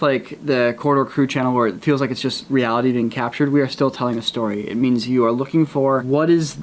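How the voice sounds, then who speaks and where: A man's voice: medium pitch, a little hiss or hum. A man hosting a video, explaining in a straightforward, earnest way what a job requires. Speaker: host explaining a job opening. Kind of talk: casual explanatory talk.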